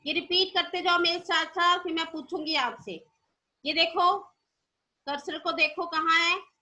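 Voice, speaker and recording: A woman teaching young children in an online class, patiently repeating each point, checking in often and sounding out syllables slowly for them to repeat. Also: extremely high pitch, fairly even intonation, bright, forceful tone. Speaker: primary school teacher.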